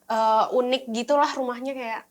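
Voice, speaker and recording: A young woman, an actress guest on a podcast, telling a story in lively casual chat. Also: a little high, normal speed. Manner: lively storytelling, acting out quoted voices.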